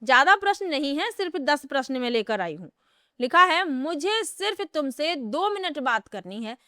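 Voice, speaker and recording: A woman's voice: sits high, very animated, moderate pace, bright, forceful tone, dry recording, studio quality. A woman teacher giving an exam-prep grammar lesson, explaining step by step and asking herself rhetorical questions before answering them.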